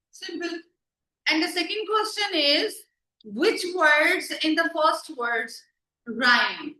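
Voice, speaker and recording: A woman teacher giving a recorded video lesson, explaining slowly with many fillers and restarts in a classroom with a board. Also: sits high, pushed and bright. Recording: echoey room, voice from a distance.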